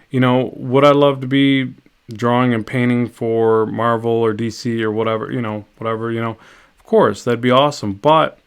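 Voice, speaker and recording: Live-streaming from his home studio as he paints, a middle-aged man rambles in casual conversation, frequently restarting and poking fun at himself. He has a clear, resonant, mid-range voice.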